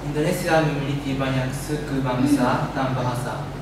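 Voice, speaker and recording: A man's voice: mid-range voice, moderate pace. A young man from Japan with a Japanese accent gives a prepared speech as a foreign student, carefully speaking a language he has learned. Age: young adult. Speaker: exchange student giving a presentation. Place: echoey indoor room. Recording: echoey room, distant mic, loud noise.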